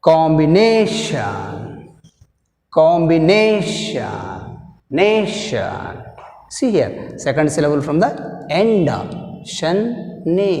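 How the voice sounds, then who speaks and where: A man with a Telugu accent teaching English word stress in an online lecture, drawing words out slowly and counting syllables. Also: a little high, darkish tone. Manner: slow, drawn-out word pronunciation with repeated counting of syllables. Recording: echoey room with long reverb.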